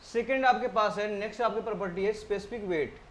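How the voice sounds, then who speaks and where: This male tutor. He gives an exam-prep lecture in a steady classroom style. He keeps asking the class questions, answers them himself, and repeats each key term. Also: high voice, fast talker, slight background noise. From India.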